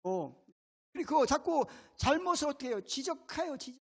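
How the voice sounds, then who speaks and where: High-voiced male pastor preaching emphatically. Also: big pitch swings, moderate pace, long reverb tail. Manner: emphatic, with rhetorical questions to the congregation. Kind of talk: sermon.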